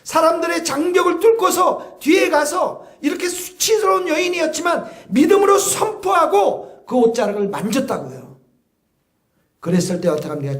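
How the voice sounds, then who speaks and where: Pastor guy preaching, really high voice, gets loud and fired up, echoey church. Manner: impassioned preaching with shouted peaks. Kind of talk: sermon.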